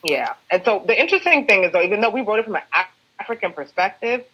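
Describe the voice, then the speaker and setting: A woman from Uganda, a personal brand strategist, telling the story behind her book in an animated, conversational way. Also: mid-range voice, quick pace, breathy edge, lo-fi sound. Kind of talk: casual interview answers.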